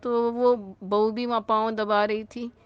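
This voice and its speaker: A woman's voice: fairly high pitch, level tone, measured pace, clear, resonant tone, dry recording, muffled recording. A woman telling a spiritual moral story in a conversational way, often checking in with her listeners. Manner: conversational, with frequent tag questions.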